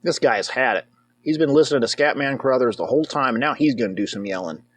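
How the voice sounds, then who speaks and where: A man's voice: mid-range voice, animated, fast, no room sound. A man giving casual, comedic commentary over a movie as a reviewer. He rambles, jokes, and breaks into whoops and cheers.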